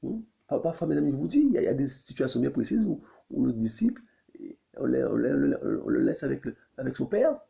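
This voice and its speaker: A man's voice: big pitch swings, quick pace, vocal fry, warm tone. A man preaching a sermon in a repetitive, insistent way, who keeps calling out to his listeners and asks whether they follow. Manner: repetitive, constantly saying "my friends" and asking "you see?"; pitch leaps high on questions. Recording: dull lo-fi recording.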